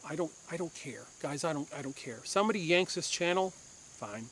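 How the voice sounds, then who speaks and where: A man's voice: a little high, expressive, fairly quick, fairly bright tone, slight background noise. A man from Puerto Rico, a former police officer, hosting a firearms channel and giving an insistent opinion monologue to camera, repeating his points for force.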